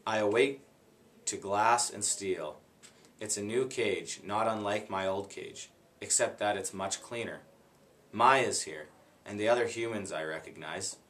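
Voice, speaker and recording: A man reading a children's book aloud in an unhurried, plain way, stopping now and then to redo a slip. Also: lowish voice, a bit bright. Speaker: guest reader.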